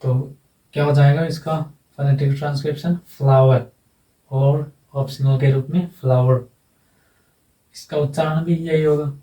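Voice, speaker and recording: A man teaching English phonetics, going slowly and repeating each sound several times, often checking in with a short tag question. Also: fairly high pitch, flat delivery, warm tone, echoey room, recorded from a distance, low-quality recording. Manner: ends phrases with a checking "है ना". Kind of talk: whiteboard phonetics lesson.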